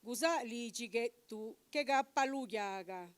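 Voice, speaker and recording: A woman reads a poem at a formal public event. Her voice is high, and she takes each line slowly and with care. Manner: slow and deliberate reading. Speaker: poetry reader. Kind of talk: recited poetry. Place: legislative chamber event.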